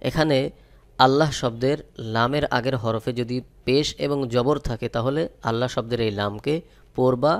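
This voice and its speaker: A man with a medium-pitched voice teaches Quran recitation step by step, spelling out every letter and vowel before chanting the words in a slow, drawn-out way.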